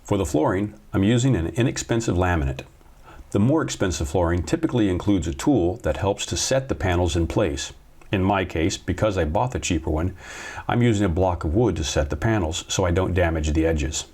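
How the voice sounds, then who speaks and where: A man's voice: sits low, expressive, brisk, darkish tone. A middle-aged man giving a casual, explanatory voice-over for a home building video. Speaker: DIY vlogger.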